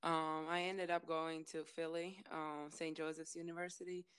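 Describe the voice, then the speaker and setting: A woman's voice: low voice, flat delivery, normal speed, fairly bright tone, clear, resonant tone. A woman from Latvia with a Latvian accent, chatting casually as an interview guest, talkative and often searching for words. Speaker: interview guest, former college basketball player.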